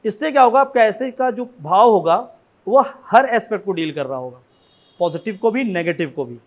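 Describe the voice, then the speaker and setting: A man a notably high voice lectures a class on essay writing. He talks in a loose, conversational way, often stopping to check that his students follow. He asks rhetorical questions and keeps coming back to his main points. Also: animated, normal speed. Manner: conversational, frequent "ठीक है ना" check-ins.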